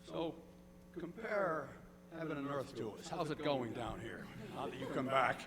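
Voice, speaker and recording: A man acting as opposing counsel in a staged mock trial, cross-examining slowly with dry, wry remarks. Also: fairly high pitch, animated, fairly bright tone. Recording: distant, very echoey hall with clear ambience.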